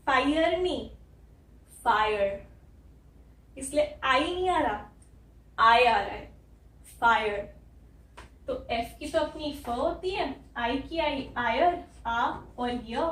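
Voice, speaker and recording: An Indian woman teaching an English lesson, spelling out sounds letter by letter in a slow, careful way. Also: high voice, fairly bright tone, reverberant, recorded from a distance, low-quality recording. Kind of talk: spoken language lesson.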